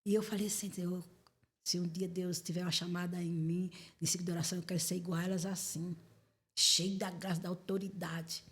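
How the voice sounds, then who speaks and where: A middle-aged woman telling a personal testimony as a podcast guest, animated and acting out the dialogue she recalls. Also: fairly low pitch, a little fast. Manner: animated, acts out quoted dialogue. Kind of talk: testimony storytelling.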